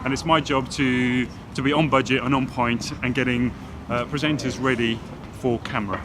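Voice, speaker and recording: Someone films him on their phone as a middle-aged man from Wales talks with easy confidence about fashion styling during a casual street chat. His Welsh accent has a Geordie edge, and his mid-range voice stays steady at a moderate pace over the traffic and street sounds.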